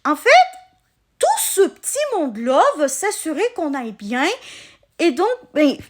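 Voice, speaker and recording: High-pitched, slow, lilting Québécois woman. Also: very animated. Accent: Québécois French. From Quebec, Canada. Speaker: vlogger. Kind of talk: casual personal storytelling to camera.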